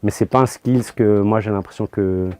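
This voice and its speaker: A man's voice: fairly low pitch, steady tone, moderate pace, a little mellow, smooth. A young man with a French accent answering interview questions as a comedian, laid-back and hesitant, with many fillers.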